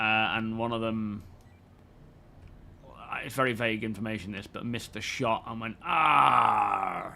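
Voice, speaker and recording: A man's voice: mid-range voice, a bit bright. A man live-streaming a game, chatting casually and rambling while greeting his viewers by name. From United Kingdom.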